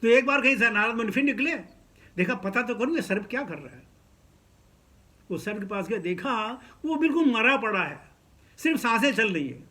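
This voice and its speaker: A man preaching scripture in an animated storytelling sermon, often chuckling and mixing in English words. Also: very high voice, moderate pace.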